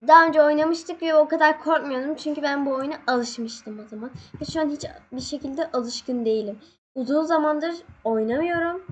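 High-voiced excitable young woman gamer. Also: moderate pace. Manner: excitable, laughs and yelps when scared. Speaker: gaming channel host. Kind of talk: casual gameplay commentary.

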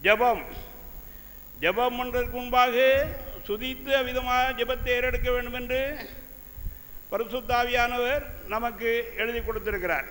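An older male pastor preaches a sermon in a voice that sits very high and rings bright. He works slowly through scripture and reads verses aloud into desk microphones. A long hall reverb trails after his words. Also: steady tone, slight background noise. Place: church conference stage, indoors. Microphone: two desk microphones.

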